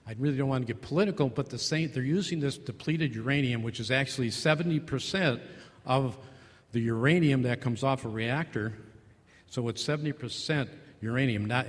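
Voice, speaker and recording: Older man lecturing in a reverberant hall. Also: mid-range voice. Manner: conversational, acts out patient dialogues, many restarts. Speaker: physician speaking at a convention. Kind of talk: conference talk with slides. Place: large convention hall, at a podium. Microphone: podium microphone.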